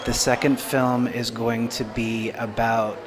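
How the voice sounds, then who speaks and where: Slow, earnest man being interviewed. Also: mid-range voice, little pitch movement, noisy background. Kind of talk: thoughtful interview answer. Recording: crowd murmur behind.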